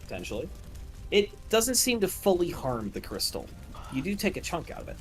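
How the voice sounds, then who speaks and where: A man's voice: sits high, huge pitch swings, fairly quick, soft background music. A man running a tabletop role-playing game as game master, describing monsters and explaining rules.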